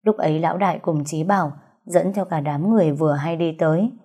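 Woman narrating a story, low and mellow. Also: brisk, husky. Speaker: audiobook narrator.

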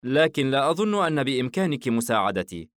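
A man's voice: medium pitch, big pitch swings, fast, no echo, studio quality, pitched above the performer's own voice, natural voice. A man voicing a blunt, impatient male customer in a shop, curt in his replies. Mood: wary.

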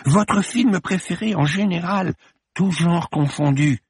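A man's voice: high voice, slow, slightly rough, dry recording, studio quality, voice pushed up, exaggerated voice. A man doing a scornful, chain-smoking film director. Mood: icy mocking. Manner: cold, cutting, mocking.

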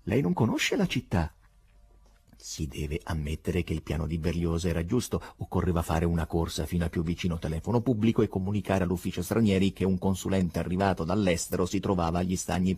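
A man narrating an audiobook as a dramatic literary reading, with a husky voice and expressive, theatrical storytelling. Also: deep voice.

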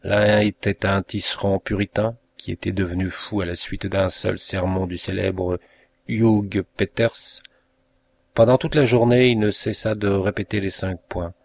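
Lowish-voiced man reading a novel aloud. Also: creaky. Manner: measured, expressive reading. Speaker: audiobook reader. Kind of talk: scripted narration.

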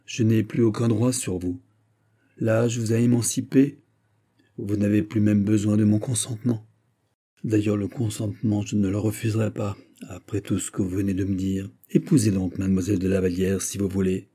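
A grave, fatherly older nobleman speaks in measured, solemn counsel, voiced by a man. The voice sits low and very dark, with a husky grain. It is read as a character in an audiobook. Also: little pitch movement, natural voice.

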